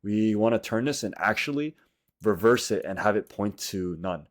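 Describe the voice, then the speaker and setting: A young man with a fairly low voice hosts a casual tutorial. He has a slight lisp from wearing a retainer. He talks informally and slangily, thinking aloud in short, broken phrases. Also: animated, normal speed. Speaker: tutorial host.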